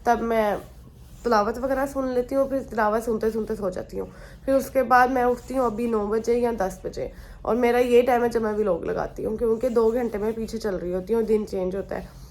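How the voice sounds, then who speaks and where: A woman's voice: on the high side, fairly even intonation, brisk, darkish tone. A young woman, vlogging in her bedroom while unwell with a slight fever, talking in a chatty, rambling way. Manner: chatty, rambling, mixes in English phrases. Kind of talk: casual vlog chat.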